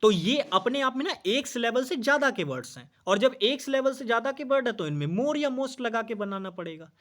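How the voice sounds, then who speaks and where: A man's voice: very high voice, lively intonation, fairly quick, fairly bright tone. A man teaches an exam-prep English grammar lesson. He keeps asking questions and answering them himself, and he repeats each key point. He calls his students brother as he goes.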